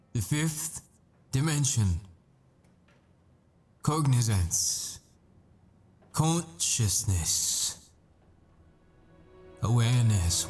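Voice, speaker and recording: In an intimate ASMR roleplay, a man voices a tender, desperate boyfriend at the end of the world, murmuring breathily and haltingly. His voice is mid-range, and the mood is pensive and hushed.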